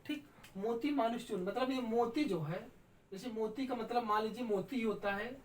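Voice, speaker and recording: A woman's voice: fairly high pitch, moderate pace. A woman teacher giving a patient, explanatory grammar lesson and often checking in with her students. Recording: distant mic with faint room ambience.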